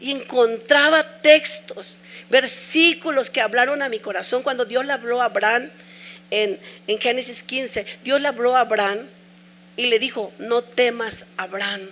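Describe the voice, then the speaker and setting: A woman's voice: a little high, moderate pace, a bit bright, a little hiss or hum. A middle-aged woman preaching a sermon, sharing an emotional personal testimony with earnest, repeated pleas.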